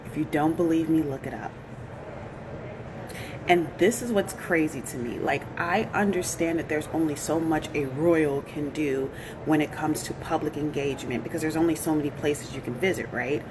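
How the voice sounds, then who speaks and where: A woman with a very low voice vents indignantly to her viewers in a casual vlog. Her tone is mocking and direct. Clear background noise sits behind her. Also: moderate pace. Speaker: royal news commentator.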